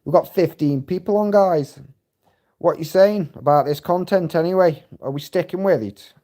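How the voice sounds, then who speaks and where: Middle-aged male streamer, warm low-key tone, chatty, profane and meandering. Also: normal speed. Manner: rambling, heavy swearing, chatty storytelling. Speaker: livestream host. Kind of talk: casual live-stream chat.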